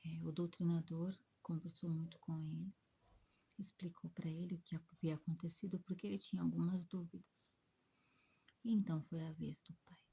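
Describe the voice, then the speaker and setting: A woman narrates an emotional spiritual experience, often slipping into a hushed, breathy near-whisper. Her voice sits low and dark, very husky and gravelly, with a mellow warmth. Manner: hushed, breathy, dramatic delivery. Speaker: spiritist rescue worker.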